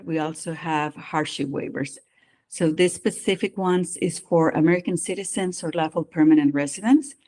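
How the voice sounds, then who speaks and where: A darkish, mid-range voice with a mixed non-native English accent belongs to a psychologist guest who does immigration evaluations. During the interview conversation, they're earnest about explaining the work and open about their own experiences.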